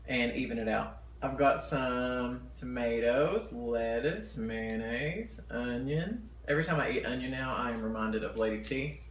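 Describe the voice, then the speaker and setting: A man's voice: medium pitch, fairly bright tone. A man chatting casually to camera for an eating show, chewing while he talks in his home kitchen. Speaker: mukbang vlogger. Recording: echoey room with background noise.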